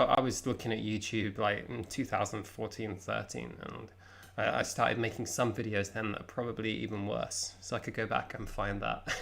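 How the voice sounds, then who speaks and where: A man's voice: fairly low pitch, vocal fry, fairly bright tone. A young man with an English accent, hosting a casual live reaction, chatty and self-mocking. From England. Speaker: vlogger host.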